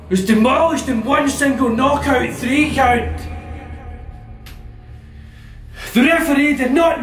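A man playing an aggrieved, melodramatic wrestler vowing revenge in a wrestling promo, with dramatic pauses. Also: very high-pitched, fairly bright tone, far from the mic, heavily acted. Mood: indignant. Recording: echoey room, off the mic.

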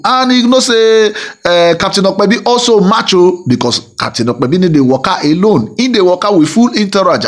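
Hosting a gossip channel, a middle-aged man whose first language is Igbo talks in a Nigerian Pidgin accent, his voice on the high side. His celebrity gossip monologue rambles, full of fillers and repeated phrases.

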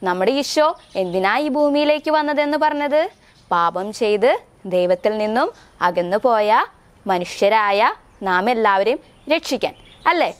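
A woman's voice: a little high, animated. A young woman from Kerala teaching a Sunday school catechism lesson to small children, telling stories and asking them frequent questions. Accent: Kerala Malayalam. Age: young adult. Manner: asks children frequent questions, slow prayerful recitation.

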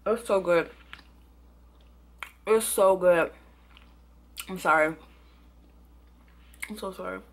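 A young woman reviewing products in a casual, excitable vlog, sometimes talking with food in her mouth. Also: on the low side, takes it slowly, pauses often. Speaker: beauty and product vlogger.

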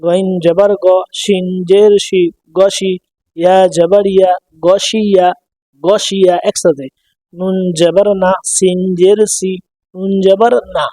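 A man teaching Quran reading in Bengali, drilling letter sounds slowly and patiently so listeners can repeat after him. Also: high voice, level tone, warm tone. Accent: Bangladeshi Bengali. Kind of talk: slow drilled recitation lesson.

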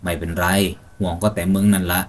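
A man voicing a flat, menacing impostor hunter. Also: low voice, brisk, slight background noise, close to an everyday voice. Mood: low calm. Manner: flat, even and unafraid. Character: eerie impostor hunter, calm then menacing.

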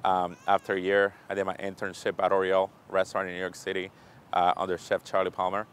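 Relaxed man chatting casually about himself. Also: low-pitched, quick pace, slight background noise. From Dominican Republic. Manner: relaxed and candid, with fillers. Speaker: chef and restaurant owner. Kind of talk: casual self-introduction. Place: restaurant kitchen and gym.

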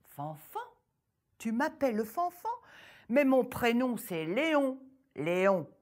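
A deaf old farmer from a folk tale, grumpy and indignant, who mishears everything and snaps back, as a woman storyteller puts him on. He speaks slowly and insistently. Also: on the high side, very animated, darkish tone, voice pushed up. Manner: irritable and indignant.

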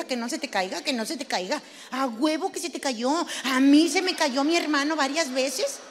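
A middle-aged woman with a Mexican Spanish accent does brash, crude stand-up storytelling, slipping into character to act out her mother and her kids. Her voice sits high, and the sound is that of a big room.

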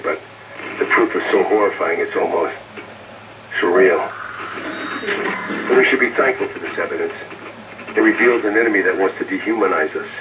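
Man acting solemn defiant resistance broadcaster, video game, low voice, measured radio address, distant, faint noise. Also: lightly acted. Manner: grave, measured. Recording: played from TV speakers, far, noisy.

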